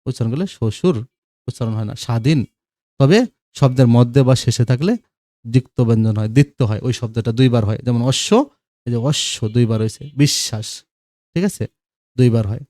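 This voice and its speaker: A man explaining a grammar lesson to his students, going over each example twice and checking that they follow. His voice sounds warm and relaxed, recorded close and dry with no room sound. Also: medium pitch, a little fast, no room sound. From Bangladesh. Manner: explanatory, repeats examples, checks understanding with asides. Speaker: teacher.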